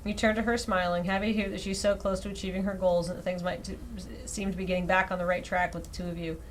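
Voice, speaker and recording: A woman streamer with a lowish voice reads a dating sim visual novel aloud quickly and expressively during a live game stream. She breaks up the narration with wry, self-deprecating casual asides, and background noise is clearly audible.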